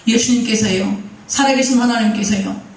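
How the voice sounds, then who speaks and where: A woman's voice: on the high side, moderate pace. A woman pastor preaching a sermon, emphatic, posing questions to the congregation and answering them herself. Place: church sanctuary. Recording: echoey sanctuary heard from far off.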